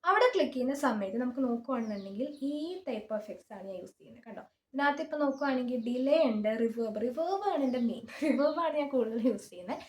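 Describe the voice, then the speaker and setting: A woman's voice: fairly high pitch, lively intonation, fast talker, reverberant. A woman singer giving a chatty, informal app tutorial and often pointing things out as she shows them. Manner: chatty and informal, often saying "see" while showing things. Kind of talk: casual screen-recorded tutorial. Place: small closed room.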